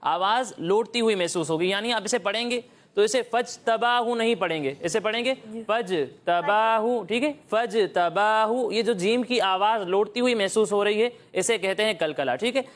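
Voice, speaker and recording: A Quran teacher leading a children's recitation lesson, patiently quizzing the pupils and slowly modelling each sound. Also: medium pitch.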